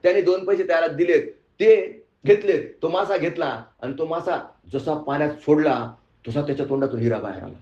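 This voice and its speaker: A man's voice: on the high side, brisk, few pauses, dark tone. A male spiritual teacher telling a story in a sermon and asking his audience questions. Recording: echoey room, muffled sound.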